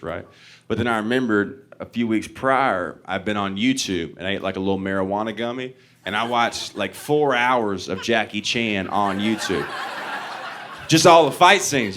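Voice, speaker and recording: Laughing comic telling a story. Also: male voice, fairly low pitch, moderate pace, a bit bright. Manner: rambling, self-mocking, often laughing mid-line. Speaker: stand-up comedian. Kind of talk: stand-up comedy storytelling. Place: comedy club stage before a live audience.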